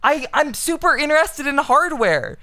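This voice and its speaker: A woman streamer chatting casually on a live stream, excitable and swearing freely as she reads game text aloud. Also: sits high, moderate pace, no room sound.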